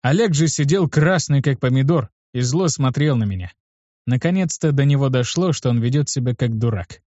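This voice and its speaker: A man narrating a first-person novel in a lively, ironic storytelling manner. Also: mid-range voice, normal speed, dry recording, lo-fi sound. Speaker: audiobook narrator.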